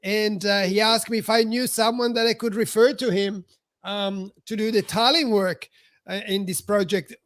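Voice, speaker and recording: A man's voice: high-pitched, fairly even intonation, moderate pace, a bit bright, no room sound. A middle-aged man hosting a podcast, telling a story in a casual chatty way, full of fillers and acted-out dialogue. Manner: chatty, heavy on fillers, acts out quoted dialogue. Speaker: podcast host.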